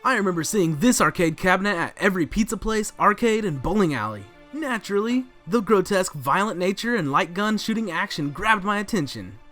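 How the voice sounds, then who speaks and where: An American man in his thirties co-hosts a scripted countdown show, ranting in an exasperated, theatrical way. His high, fairly bright voice is animated and fairly quick with few pauses, and music plays under it.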